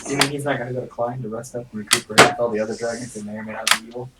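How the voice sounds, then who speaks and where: A man's voice: medium pitch, level tone, rapid-fire, background noise. Joking male player, roomy echo, off-mic, music behind. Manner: joking, speaks in character as his creature. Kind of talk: casual tabletop banter. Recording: echoey room, distant mic, music.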